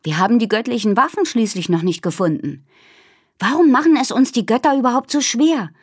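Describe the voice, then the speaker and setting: A woman's voice: fairly high pitch, animated, fairly quick, breathy edge, dry recording, pitched above the performer's own voice. A woman reading aloud voices a young girl with a dry, sarcastic way of talking.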